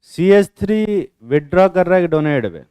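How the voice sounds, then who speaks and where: A man's voice: high-pitched, lively intonation, moderate pace, dark tone, no room sound, studio quality. Blunt, teasing male chemistry teacher. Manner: blunt, teasing, quizzes students with rough slang. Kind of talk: classroom lecture with questioning. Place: classroom with students.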